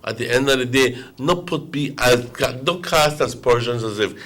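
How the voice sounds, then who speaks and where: A man's voice: mid-range voice, moderate pace, fairly bright tone. A man with a Belizean Creole accent hosting an impassioned political talk show, indignant and emphatic, repeating phrases for stress. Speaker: morning show host.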